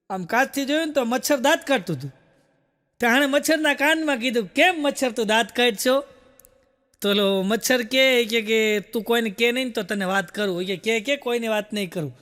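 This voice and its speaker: A man's voice: high-pitched, a bit bright. A man telling folksy jokes on stage as a stand-up comedian, stringing his stories together with "I said" and "he said". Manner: folksy storytelling, full of "I said" and "he said". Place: stage show with a live audience. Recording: long hall reverb.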